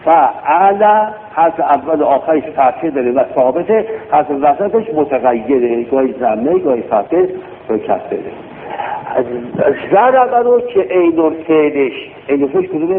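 A man's voice: a little high, slight background noise. A man teaching a classroom grammar lesson, drilling words and quizzing his class. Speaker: religious studies teacher. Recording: tinny phone-like lo-fi recording.

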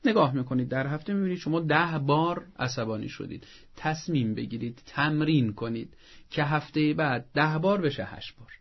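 A man giving calm, instructive advice on a talk show, laying out steps one by one with everyday examples. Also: a little high, gravelly, husky, muffled recording. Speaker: family advice expert.

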